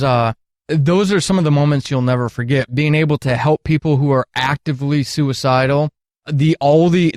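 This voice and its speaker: A middle-aged man, a retired military counselor, speaks as a podcast guest, telling long, candid, earnest stories with emphatic phrasing. His voice sits fairly high, and the clean studio recording has no echo.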